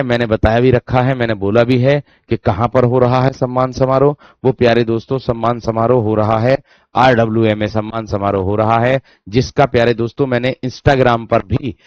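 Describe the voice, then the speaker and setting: A man with a mid-range, darkish voice teaches an online Hindi grammar class, calling his students dear friends and repeating his phrases. He sounds out syllables aloud, over and over. The recording is dry, dull and lo-fi, with no echo.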